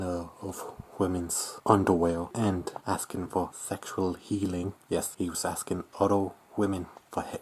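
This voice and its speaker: A man's voice: sits low, darkish tone, breathy edge. A man ranting angrily in an opinion video, swearing often and stumbling over fillers. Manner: angry, profane, halting with many fillers. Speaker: YouTube commentator.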